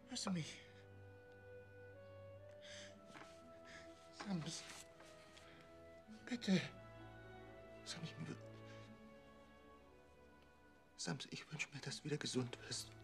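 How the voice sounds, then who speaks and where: A middle-aged actor playing a mild, anxious father figure in a film comedy, fretful and excitable. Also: high-pitched, fairly quick, over music. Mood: tender, worried. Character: anxious, mild-mannered bachelor, adoptive father of a magical creature.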